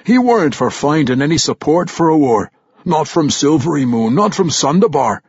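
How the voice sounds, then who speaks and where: A man voicing a gruff old male dwarf veteran with a put-on Scottish-style brogue, blunt and scolding. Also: fairly high pitch, very animated, normal speed, no room sound, dull audio, voice pushed up, heavily acted. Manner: scolding, plain-spoken.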